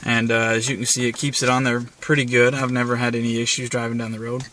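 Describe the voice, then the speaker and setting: Speaking fast in a level, medium-pitched voice that sounds pushed and bright, a man walks viewers through his car setup on a handheld camera. He's casual and plain-spoken, rambling with frequent "uh" fillers. Slight noise sits in the background.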